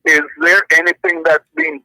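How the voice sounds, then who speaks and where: Guy calling in over a clipped phone line, bright tense voice, dry sound, worried and stumbling over words. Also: a little high, little pitch movement, no echo. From Jamaica. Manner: concerned, halting, repeats words. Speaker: caller. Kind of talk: call-in radio chat. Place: car.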